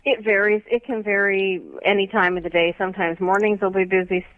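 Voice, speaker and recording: Woman guest on a radio show, plain middle pitch, calm matter of fact answers, dry sound. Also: a little fast, no room sound, phone-quality sound. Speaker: phone sex operator guest. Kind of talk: casual radio interview.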